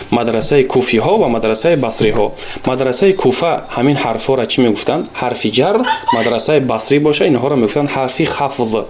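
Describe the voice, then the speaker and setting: A man's voice: mid-range voice, darkish tone, slight background noise. Tajik man drilling Arabic vocabulary. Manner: patient, repeats each word slowly for drilling. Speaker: Arabic teacher. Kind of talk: recorded language lesson.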